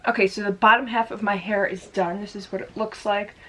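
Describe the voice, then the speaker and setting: A woman's voice: mid-range voice, fairly even intonation, a little fast, over music. A woman talking casually through a hair tutorial, chatty and full of "like" fillers. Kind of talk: casual step-by-step demonstration. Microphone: camera in front of her.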